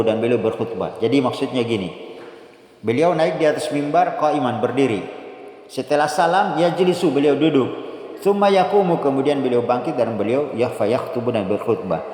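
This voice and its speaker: A man's voice: fairly high pitch, animated, normal speed, dark tone. A man with an Indonesian accent teaching a religious study lesson, explaining Arabic text phrase by phrase and rising emphatically on the Arabic. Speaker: teacher of Islamic law. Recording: very echoey hall.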